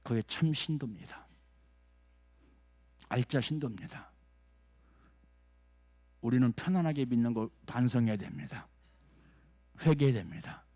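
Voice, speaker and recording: Man, pastor, folksy sermon, keeps asking the congregation, loud then hushed. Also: animated, unhurried, pauses often. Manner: dialect-tinged folksy preaching, constant "eh?" checks to the congregation; swings between loud exhortation and hushed low lines.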